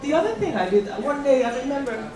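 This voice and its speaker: This invited career-event speaker, a middle-aged woman from the Netherlands, talks fast in a high voice with big swings in pitch. She shares a personal motivational talk with slides, chatting conversationally and repeating words to make her points. Recorded from afar in a large, very echoey room at an employment event, she is surrounded by clear crowd noise.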